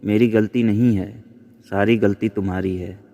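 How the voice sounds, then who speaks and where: A man's voice: lowish voice, fairly even intonation, unhurried, mellow. A man voicing a rude, irritated young father who snaps at people. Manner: snapping, irritated. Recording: long reverb.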